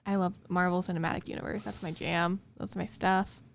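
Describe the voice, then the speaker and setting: Gravelly low-voiced woman chatting. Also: fairly even intonation, brisk, a little hiss or hum. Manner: chatty, using "like" a lot. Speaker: podcast co-host. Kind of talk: casual chat.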